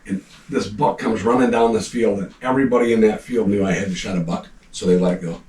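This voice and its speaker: A man telling hunting stories in a steady, matter-of-fact way. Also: on the low side, fairly quick. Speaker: channel host. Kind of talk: campfire-style storytelling. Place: cabin room. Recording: echoey room, distant mic, faint hiss.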